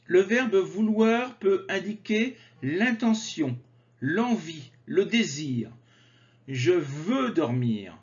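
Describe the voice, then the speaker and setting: A man teaching French grammar, slowly and carefully articulating conjugation drills. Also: high voice, very animated. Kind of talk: slow grammar lesson with drills. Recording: slightly dull lo-fi sound.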